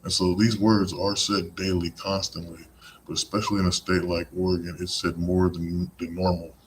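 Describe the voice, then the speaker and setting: Deep, flat-voiced man on a podcast. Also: moderate pace, slight background noise. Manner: rambling, conversational, frequent "you know" asides. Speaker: podcast host. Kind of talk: live-streamed podcast monologue.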